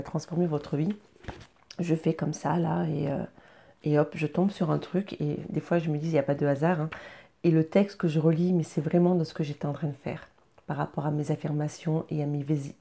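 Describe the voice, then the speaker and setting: A woman's voice: deep voice, vocal fry, dark tone. A woman talking casually and earnestly to her viewers about her daily routine, hesitating often with fillers and restarts. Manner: earnest, encouraging, speaking directly to viewers. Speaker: vlogger sharing personal routines. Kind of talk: casual personal vlog.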